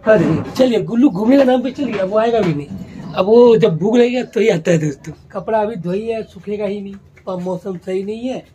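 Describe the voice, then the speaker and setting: A man's voice: sits high, moderate pace, warm tone, a little hiss or hum. A man in a casual home vlog, chatting to viewers as friends and cooing at a pet. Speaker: vlogger.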